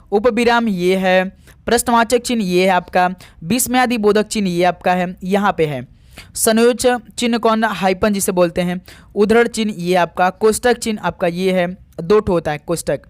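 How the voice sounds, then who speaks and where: A man's voice: sits high, dry recording. A man giving an online exam-prep lesson, calling viewers brother and friend and quizzing them as he goes. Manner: spells out words sound by sound.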